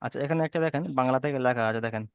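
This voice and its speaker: Fast-talking patient male reading teacher. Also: medium pitch, clean tone, no room sound, dull audio. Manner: patient, repeats rules slowly. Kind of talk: online Arabic reading lesson. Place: online class. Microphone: video call.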